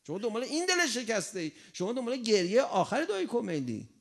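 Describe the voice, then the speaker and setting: Man, preacher, sermon, gravelly, very lively pitch, acts out little scenes. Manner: animated, acts out a crying child and God's replies.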